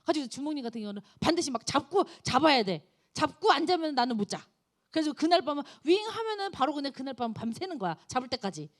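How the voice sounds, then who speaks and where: Animated, high-voiced woman preacher. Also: fast. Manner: animated storytelling, asks the listeners questions. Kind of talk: sermon to a college group.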